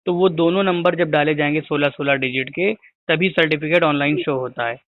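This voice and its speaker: A man with a somewhat high voice comes through a crackly cordless phone line, thin and hissing. He explains patiently to a caller and goes back over each point again and again. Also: fairly even intonation, a little fast. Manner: patient, repeats points to make them clear. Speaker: teacher answering a caller. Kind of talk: phone call advice. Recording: tinny, noisy phone line.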